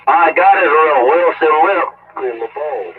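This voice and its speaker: A man's voice: on the high side, animated, moderate pace, slightly rough. A man, calling in over a CB radio from his vehicle. He chats in a laid-back, crude and joking way, full of CB lingo. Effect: heard over a CB radio. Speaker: CB radio caller. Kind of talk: casual CB radio chatter. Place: driving in a vehicle. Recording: tinny, crackly CB radio from a distance.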